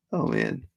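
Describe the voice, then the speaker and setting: A Belgian man in his 30s, a native Dutch speaker, hosts a live question-and-answer stream. He chats casually while reading viewer comments, chuckling often and restarting words.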